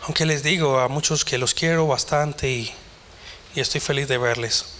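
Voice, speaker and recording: A man's voice: mid-range voice, moderate pace, pushed and bright, a little hiss or hum. A man preaching a sermon as pastor, quoting scripture and imagined voices as his intensity rises. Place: church.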